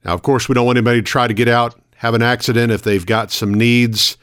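A man hosting a local radio morning show, reading news announcements in a measured, orderly way from a studio. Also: medium pitch, fairly even intonation, a bit bright, smooth. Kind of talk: radio news announcing of weather, closings and notices.

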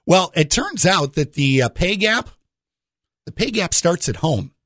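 This radio host's jokey, conversational monologue swoops and bounces with animation as he puts rhetorical questions straight to the listener. He speaks a little slowly in a high-pitched voice, recorded close and dry with no room sound.

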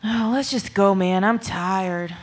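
A woman's voice: medium pitch, slow, close to an everyday voice. A woman voicing a laid-back slacker teenage boy who says "man" a lot, in a comedic scripted read. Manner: drawling, laid-back slang.

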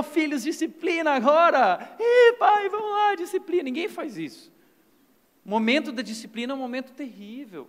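A man with a Brazilian accent preaching a sermon, telling stories and acting out quotes in an animated way. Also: high-pitched. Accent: Brazilian Portuguese. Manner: animated storytelling with acted-out quotes. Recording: long hall reverb.

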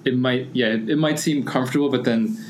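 A young American man chats casually, rambling through his thoughts and leaning constantly on "like" as a filler. His medium-pitched voice is fairly quick with fairly even intonation, and there is slight background noise.

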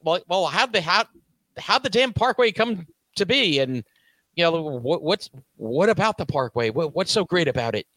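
Lively stammering New man host. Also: fairly high pitch, moderate pace, dry recording. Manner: stammering, repeats words, laughs often. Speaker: podcast host. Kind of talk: casual podcast chat.

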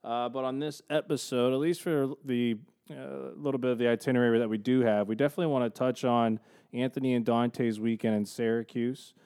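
A man's voice: mid-range voice, fairly even intonation, fairly quick, darkish tone, smooth. A man hosting a podcast, chatting casually as he lays out the episode. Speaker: podcast host.

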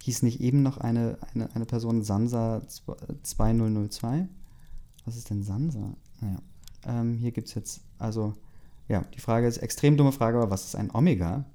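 A man casually reading a fan story aloud and chat comments, with relaxed fillers and asides. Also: mid-range voice, normal speed.

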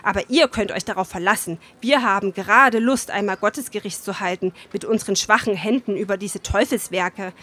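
A woman's voice: medium pitch, fairly quick, few pauses, pushed and bright. A woman voicing a bitter, defiant working-class mother in a read-aloud story, speaking scornfully and with threat.

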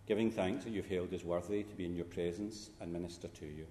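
A very low, mellow male voice reciting liturgical prayers in a measured, solemn way. His words roll out into a long cathedral echo that hangs in the large church. A faint hum of the room sits underneath. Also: fairly even intonation. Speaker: priest celebrating a funeral Mass.

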